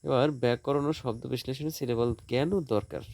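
Man teaching slowly, gravelly voice. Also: medium pitch, darkish tone, no room sound. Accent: Bangladeshi Bengali. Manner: slow, drawn-out sounding out of example words. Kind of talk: classroom lesson for school students.

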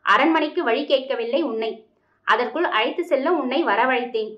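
Stern threatening villain guy, read by a woman, high voice, kinda muffled storybook audio. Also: normal speed, close to an everyday voice. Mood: stern, menacing. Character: scheming menacing male kidnapper, grown man.

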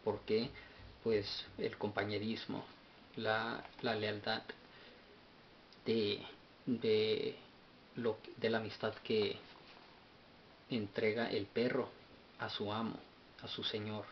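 A man with a lowish voice talks through a Bible study, stumbling and repeating words as he thinks aloud. The sound is dull and lo-fi, with a faint hiss underneath. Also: flat delivery. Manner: halting, repeats words while searching notes. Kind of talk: unscripted Bible study talk.

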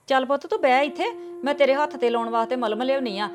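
A woman's voice: sits high, fast, close to an everyday voice. A middle-aged actress playing a sweet-talking, scheming mother-in-law in a coaxing, motherly manner. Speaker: actor. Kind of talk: web series drama acting.

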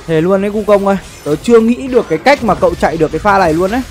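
Faint music plays as a young livestream gamer, his high voice a little mellow, races through expressive, casual chat and game commentary indoors. He curses and uses slang freely, frequently repeating himself.

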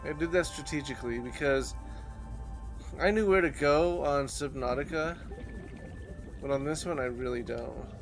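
A man's voice: medium pitch, normal speed, long pauses. A man in his thirties giving casual commentary while playing a video game in a small room. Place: small indoor room, on webcam. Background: game music.

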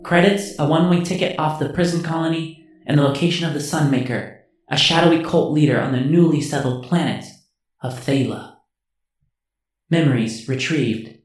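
A man's voice: fairly high pitch, moderate pace, voice pushed up, natural voice. A man voicing an echoing computer recap voice. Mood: announcing. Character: computer memory-recap system. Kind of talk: scripted recap narration. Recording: heavy echo, faint noise.

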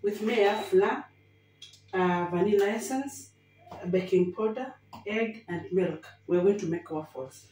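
A woman's voice: mid-range voice, a little slow, dark tone, slight background noise. A woman in her thirties, from Kenya, narrating her weekly home vlog in a chatty way and often repeating words for emphasis. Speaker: vlogger. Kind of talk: casual vlog voice-over. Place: home kitchen, indoors.

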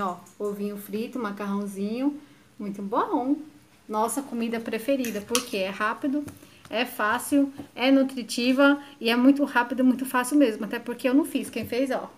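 A Brazilian woman with a slightly high voice talks straight to her viewers in a relaxed, chatty way. She is filming herself at home on a handheld phone, as in a casual everyday vlog. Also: background noise. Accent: Brazilian Portuguese. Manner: chatty, addresses viewers directly. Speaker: vlogger.

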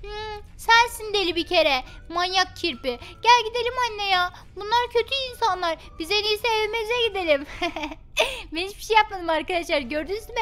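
A woman's voice: extremely high pitch, moderate pace, fairly bright tone. A woman voicing a mischievous little girl in a game role-play, giggly and teasing. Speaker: Minecraft roleplay YouTuber.

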